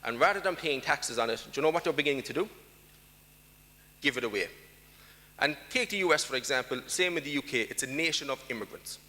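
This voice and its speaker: This man from Ireland speaks quickly and expressively at a medium pitch, his tone bright and forceful, with a long reverb tail from the large conference hall. His talk is emphatic, punctuated by rhetorical questions aimed at the audience.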